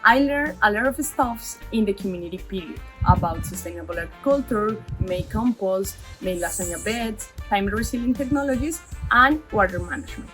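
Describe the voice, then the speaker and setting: A woman's voice: medium pitch, lively intonation, moderate pace, few pauses, fairly bright tone, soft background music. A woman from Colombia giving a plain testimonial as a program participant.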